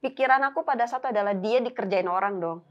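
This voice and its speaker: Lively young woman. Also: mid-range voice, fast talker. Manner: lively, keeps quoting herself and her friend. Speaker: guest telling a ghost experience. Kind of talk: casual storytelling. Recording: dull lo-fi recording.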